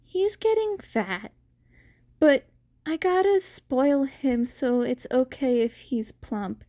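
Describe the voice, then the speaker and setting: A jittery teenage boy who rambles on nervously in a fan-made audiobook, read by a woman. The voice is slow and unhurried, with a soft, warm tone that sits fairly high. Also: lively intonation. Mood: rambling.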